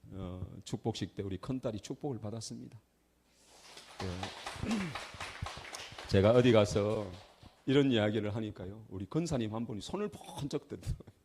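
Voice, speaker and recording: Gravelly middle-aged Gyeongsang preacher. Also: male voice, medium pitch. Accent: Gyeongsang Korean. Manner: emphatic storyteller, swings between loud outbursts and soft asides. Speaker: traveling minister. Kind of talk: personal testimony sermon.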